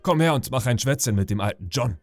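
A man's voice: mid-range voice, lively intonation, fast, no echo, soft background music, natural voice. A man voicing a friendly, talkative old ship's cook in a sleep audiobook, genial and boastful. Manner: genial, chatty, boastful storyteller. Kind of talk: audiobook character reading.

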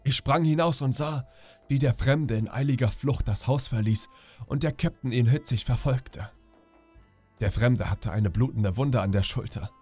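A man reading a bedtime audiobook in a calm, measured storytelling way. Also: mid-range voice. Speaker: audiobook narrator.

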